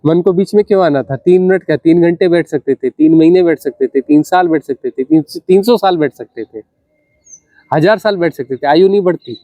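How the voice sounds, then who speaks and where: A man, a spiritual teacher, gives an unhurried discourse, repeating phrases for emphasis and asking rhetorical questions. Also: on the high side, dark tone, no echo.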